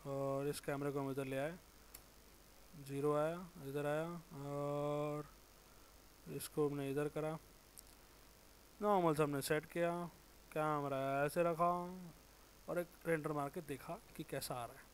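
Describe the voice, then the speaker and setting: A man with a sore throat giving a casual, informal software tutorial, thinking aloud, correcting himself and muttering as he works. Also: fairly high pitch, little pitch movement, takes it slowly, long pauses, slight background noise. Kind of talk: casual screen-recorded tutorial.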